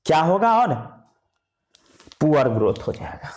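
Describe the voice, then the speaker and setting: Writing while he speaks, a man teaches a Hindi science lesson that uses English terms, asking questions, answering them, and repeating key words. His voice is a little high and a little mellow, swings widely in pitch, and runs a little slow.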